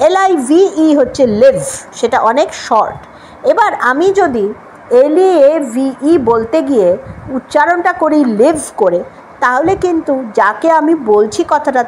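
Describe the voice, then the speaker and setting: A woman's voice: sits high, slight background noise, low-quality recording. A woman with a Bengali accent teaching English pronunciation at a board, spelling out each word letter by letter and repeating it for drilling. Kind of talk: classroom lesson at a board. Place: classroom with a board.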